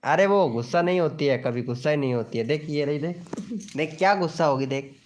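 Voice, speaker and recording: A man's voice: a little high, a little fast. Jokey live streamer man. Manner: jokey, teasing, calls out to viewers by name. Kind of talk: casual live stream chat.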